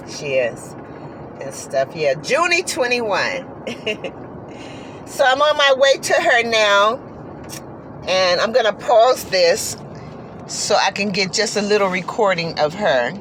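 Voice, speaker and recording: A woman telling a heartfelt story about her horse in an earnest, repetitive, folksy way, talking while riding in a car. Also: fairly low pitch. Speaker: horse owner vlogger. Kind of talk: casual monologue. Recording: steady road noise behind.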